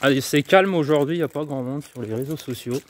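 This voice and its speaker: This French YouTuber, a personal development coach, talks fast in a mid-range voice as he walks outside and speaks casually to camera. He's upbeat, chatty, and rambling, promoting himself and laughing at himself along the way. Faint street sounds and jangling keys are in the background.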